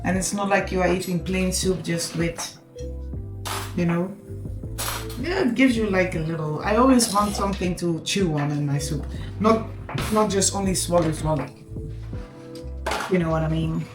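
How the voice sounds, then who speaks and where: Speaking at normal speed with long pauses, this Dutch woman has a fairly low voice and a Dutch accent, Dutch being her first language. An adult with children from the Netherlands, she cooks in her home kitchen and chats casually and directly with viewers, mixing in Dutch words. The kitchen echoes and background music plays.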